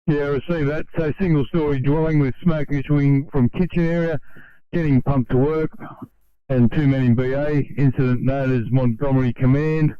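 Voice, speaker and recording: Fire dispatcher over walkie talkie radio. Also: male voice, medium pitch, fairly even intonation, clean tone, no echo. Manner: brisk, routine read-backs of radio messages. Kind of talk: emergency radio traffic. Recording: muffled radio channel.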